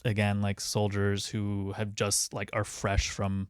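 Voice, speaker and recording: A man's voice: lowish voice, completely flat delivery, a little slow, clean tone, no echo, studio quality. A young man co-hosting a podcast, in casual chat, hesitant, with many restarts and fillers. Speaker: podcast co-host.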